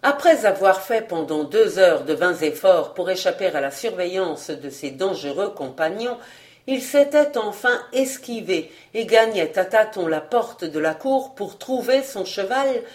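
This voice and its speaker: Steady expressive audiobook reader. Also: medium pitch, a little slow. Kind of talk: scripted narration of a classic novel.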